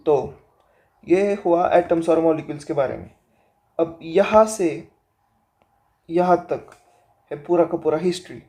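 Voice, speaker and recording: A male teacher with a sore throat giving a lesson in a slow, deliberate way, reading the textbook aloud and then explaining it while mixing Hindi and English. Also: a little high, mellow. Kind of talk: classroom lecture.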